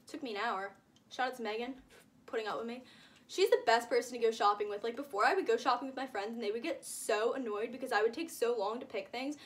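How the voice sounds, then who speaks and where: In a small room with a curtain backdrop, a nineteen-year-old woman rambles through her shopping haul vlog, gushing and exaggerating with lots of "like". Her voice is on the high side with a fairly bright tone.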